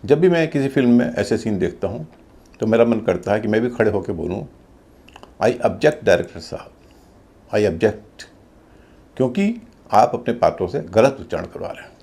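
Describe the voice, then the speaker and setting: A man's voice: lowish voice, expressive, fairly quick, mellow. A man teaching English pronunciation, explaining rules and stressing example words. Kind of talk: explaining a lesson to camera.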